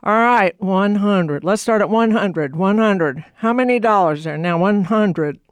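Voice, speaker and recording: A man voicing a brash livestock auctioneer who chants numbers in a fast, rising call. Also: sits high, clean tone, dry recording, dull audio, voice pushed up. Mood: chanting, coaxing.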